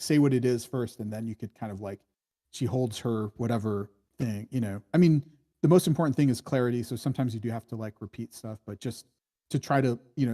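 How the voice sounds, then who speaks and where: Here a workshop critic, male and medium-pitched with a warm tone, talks casually through his feedback on a screenplay. He tends to ramble and qualify his points, with frequent false starts as his thinking unfolds.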